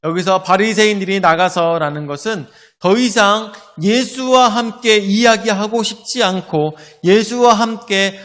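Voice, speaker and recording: A man's voice: sits high, a bit bright, long reverb tail. A male pastor preaching a sermon, telling the story vividly and acting out the voices of a crowd.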